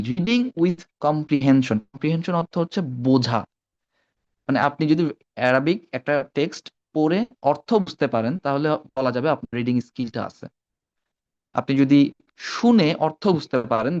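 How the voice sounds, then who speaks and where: A man's voice: mid-range voice, animated, moderate pace, a little mellow. A man teaching an online Arabic class. He mixes in English words and keeps checking that his students follow. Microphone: video call. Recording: dull lo-fi online call audio.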